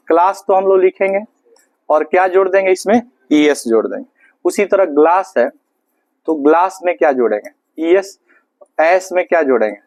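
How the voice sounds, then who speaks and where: A man teaching a grammar class, asking questions and answering them himself, and spelling words out slowly letter by letter. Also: fairly high pitch, darkish tone, no room sound. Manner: asks questions and answers them himself, calls students "babu".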